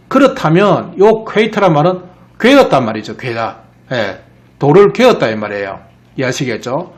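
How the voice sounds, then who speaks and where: A man from the Gyeongsang region with a Gyeongsang accent, lecturing on word origins and checking in with rhetorical questions. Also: a little high. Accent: Gyeongsang Korean. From Gyeongsang region of Korea. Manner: explains with frequent rhetorical questions. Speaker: etymology lecturer. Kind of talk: lecture over slides.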